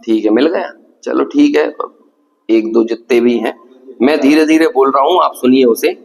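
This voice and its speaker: A man teaching a religious scripture lecture to a hall audience, often checking that they follow and reading passages slowly. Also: mid-range voice, vocal fry. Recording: echoey hall reverb.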